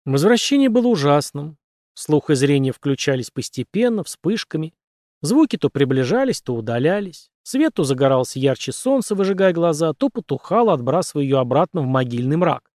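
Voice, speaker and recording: A man reading a story aloud as narrator, in an expressive storytelling manner. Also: on the high side, moderate pace, no echo, clean studio sound. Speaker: audiobook narrator. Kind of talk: scripted narration.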